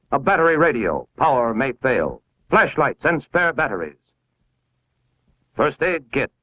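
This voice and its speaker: An American man with a fairly high, fairly bright voice narrates a scripted 1950s civil defense film, formal and authoritative as he instructs. It's a vintage film soundtrack, roughly recorded with no room sound.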